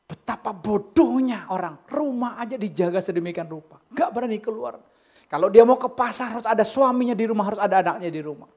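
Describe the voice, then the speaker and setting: A pastor preaching a lively sermon in a church, with humorous asides, casual chatter to the congregation, and playful impressions of other people's speech. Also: medium pitch. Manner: animated, humorous, acts out quoted speakers.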